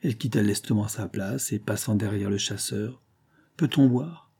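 A man narrating a classic novel in a measured, even storytelling manner. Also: fairly low pitch, creaky, husky. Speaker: audiobook narrator. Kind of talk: literary audiobook narration.

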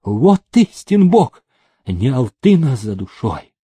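A man's voice: medium pitch, big pitch swings, takes it slowly, dark tone, husky, full character voice. A man voicing a fawning, scheming older male steward who whines and pleads. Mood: whining, pleading.

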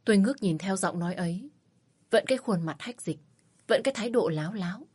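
A woman reading a first-person story in a measured, plain storytelling manner. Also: medium pitch, lively intonation, darkish tone, slightly rough. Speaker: narrator.

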